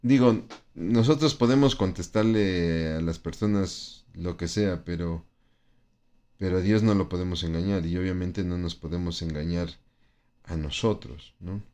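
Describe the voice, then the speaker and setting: Deep-voiced man teaching Bible. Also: a little slow, mellow. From Mexico. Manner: conversational, tag questions and restarts. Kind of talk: Bible study lesson.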